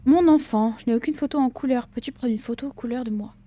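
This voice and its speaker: A woman's voice: on the high side, fast talker, dark tone, close to an everyday voice. A woman reading out the lines of a polite elderly woman customer in a horror game. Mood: gentle.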